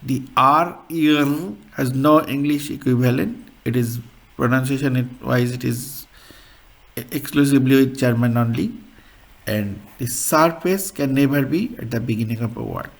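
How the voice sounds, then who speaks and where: A man teaching a beginner language lesson, slowly saying each example word twice and using non-native English phrasing. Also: medium pitch, vocal fry. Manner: slow, careful, repeats example words.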